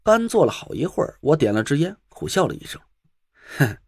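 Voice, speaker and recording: Husky, animated male audiobook narrator. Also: on the high side, quick pace, no echo, clean studio sound. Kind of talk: first-person audiobook narration.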